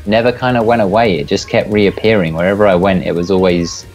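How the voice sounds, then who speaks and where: Deep-voiced English man, rambling. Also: a little fast, soft background music, rough recording. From England. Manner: rambling, relaxed, swears casually. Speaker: guest. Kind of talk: casual interview chat. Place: home room, indoors. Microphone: earphone mic on a video call.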